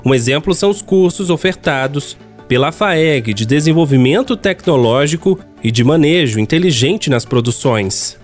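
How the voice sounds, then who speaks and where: A man's voice: on the high side, expressive, normal speed, faint music behind. A man with a Brazilian accent reading scripted news narration as a radio reporter.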